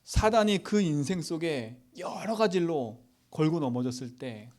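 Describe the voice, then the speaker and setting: Korean pastor preaching in a fairly high voice. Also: male voice, expressive, measured pace. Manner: asks the congregation rhetorical questions; swings from loud exhortation to near-whispers. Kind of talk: sermon.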